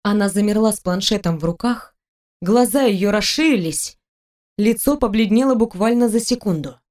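A woman reading an audiobook aloud. Her delivery is even and expressive, in a mid-range voice. She paces the story steadily. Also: medium pitch, normal speed. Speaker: audiobook narrator. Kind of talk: scripted narration.

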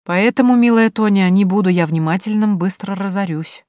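A woman reading the part of an attentive, courteous male businessman who talks calmly and gently flatters. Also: medium pitch, brisk, dry recording, studio quality, voice pushed up, natural voice.

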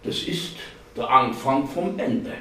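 A man's voice: medium pitch, animated, slow pace, sharp tone, a little hiss or hum, voice pushed up. A man reading aloud and voicing a sarcastic, indignant male office scholar who mocks bureaucratic jargon, his voice raised in exasperated bursts. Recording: echoey hall, voice far from mic.

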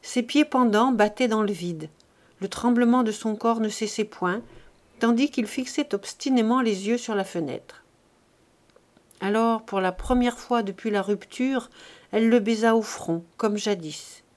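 Woman reading a novel aloud. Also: on the high side. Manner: measured, even storytelling. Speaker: audiobook reader. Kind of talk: scripted narration of a novel.

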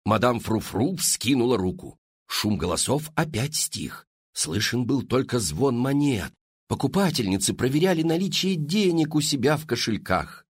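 A man narrating a storybook aloud in a lively, expressive way. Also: mid-range voice, normal speed, breathy edge, no echo, clean studio sound.

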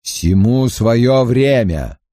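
A man voicing a cold, measured, sinister gentleman in an audiobook. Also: medium pitch, expressive, no echo, studio quality. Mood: scornful.

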